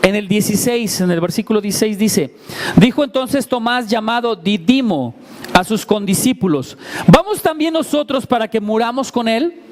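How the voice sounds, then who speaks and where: A man's voice: high-pitched, expressive, moderate pace, a little mellow, a little hiss or hum. A man preaching a sermon to a congregation, retelling scripture vividly and putting questions to his listeners. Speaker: pastor. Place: church service before a congregation.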